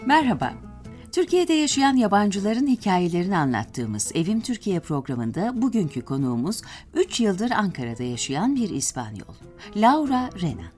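Highly expressive woman narrator over faint music. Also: moderate pace. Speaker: TV programme narrator. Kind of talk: scripted documentary narration.

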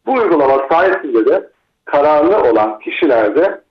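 A male doctor calling in to a radio interview, explaining a treatment in a measured way with frequent hesitations. His voice comes through echoey over the phone. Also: on the high side, sing-song. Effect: echoey voice over the phone line. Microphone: phone with earphones. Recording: muffled, echoey phone line.

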